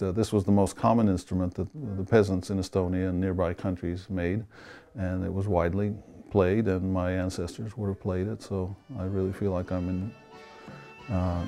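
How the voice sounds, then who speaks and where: Picture a low-voiced man with a gravelly, dark tone, calmly explaining how he builds instruments. He's from Sweden and talks at an easy pace, pausing with an occasional "uh" as he thinks. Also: soft background music. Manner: unhurried, explanatory, with fillers. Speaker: instrument maker. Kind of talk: interview.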